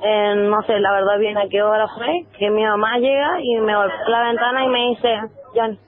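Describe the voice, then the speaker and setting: A woman on a phone interview, recounting events in a halting way with many restarts and quoted dialogue. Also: mid-range voice, steady tone, crowd noise. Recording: tinny phone line.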